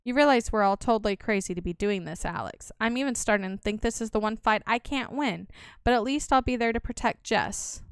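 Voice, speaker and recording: A cocky young hero brags and brushes people off, as a woman reads him aloud. Her voice is fairly high, clear and close. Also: fairly quick, no room sound, natural voice. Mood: bold. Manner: boastful, brusque.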